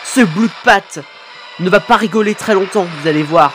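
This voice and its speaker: A woman hosting a reaction video, excitedly cheering, swearing at the screen and turning hushed when moved. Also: fairly low pitch, normal speed, a little hiss or hum. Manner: turns hushed and emotional at sad moments. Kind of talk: live reaction commentary.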